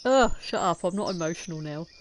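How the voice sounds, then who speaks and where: A woman's voice: fairly low pitch, lively intonation, fairly quick, slight background noise. A woman streaming a game from home, making self-mocking jokes, swearing freely and laughing often. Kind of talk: casual live gaming commentary.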